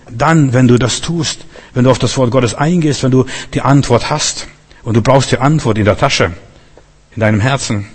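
A man preaching a sermon in an earnest, lively way, with sudden loud emphases, soft drops and excited stammers. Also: lowish voice. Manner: stammers and restarts when excited. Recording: long hall reverb.

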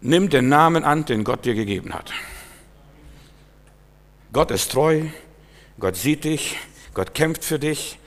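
A man preaching an emphatic sermon, swinging from loud exhortation to quiet, searching questions. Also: on the high side, lively intonation, takes it slowly, pauses often. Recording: long hall reverb.

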